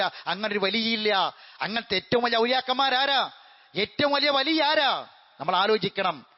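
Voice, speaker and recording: A man with a high, ringing voice delivers a fervent Friday sermon in a mosque. He repeats key phrases for emphasis and slips into chanted Arabic verses. The recording sounds dull and lo-fi. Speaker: Friday preacher.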